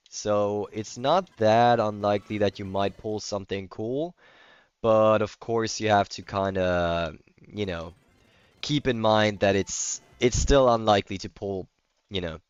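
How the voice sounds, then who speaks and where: This native German speaker, with a German accent, plays a game on livestream and casually responds to viewers' comments. He talks unhurriedly in a lowish voice with a clean tone. The sound is lo-fi, with no room sound.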